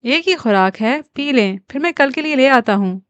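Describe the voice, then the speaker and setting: A woman's voice: high voice, lively intonation, clean tone, no echo, lo-fi sound. Woman reading a caring, worried young husband. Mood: gentle. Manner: gentle, concerned.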